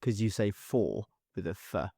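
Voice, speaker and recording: A man's voice: fairly low pitch, big pitch swings, normal speed, creaky, mellow, breathy edge, dry recording, clean studio sound. A man trading casual podcast banter in a mocking, sweary way. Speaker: podcast panellist.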